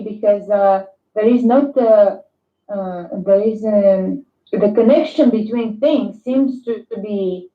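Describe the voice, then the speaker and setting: A woman talking haltingly on a video call over a bad connection, pausing often and restarting her words. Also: mid-range voice. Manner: halting, hesitant, many fillers and restarts. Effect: bad video-call connection, tinny and echoey. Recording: tinny echoey video-call audio.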